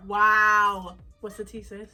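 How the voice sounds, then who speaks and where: A woman's voice: medium pitch, flat delivery, slow pace, bright, forceful tone, soft background music. A young woman, tipsy and sassy, chatting in a slangy, giggly way as in a casual makeup vlog. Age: young adult.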